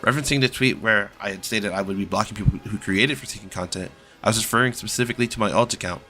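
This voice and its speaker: A young man reading a somber scripted apology as an online creator, serious and measured, sometimes stumbling over his words. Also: on the low side, bright, forceful tone, soft background music.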